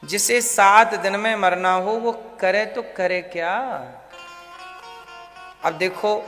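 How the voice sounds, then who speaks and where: A man's voice: sits high, fairly bright tone, big-room sound. A man telling a devotional story as a sermon, asking the audience questions and answering them himself. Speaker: religious storyteller.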